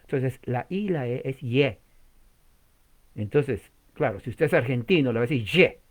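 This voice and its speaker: A man's voice: medium pitch, animated, moderate pace, a little mellow. A man preaching a sermon in a teaching manner. He asks the listeners many questions, repeats key words and jumps up in emphasis. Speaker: pastor.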